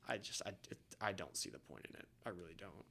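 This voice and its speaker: A young man talking casually as a podcast guest, opinionated, often trailing off quietly at the end of a point. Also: deep voice, expressive, fast talker, creaky, husky.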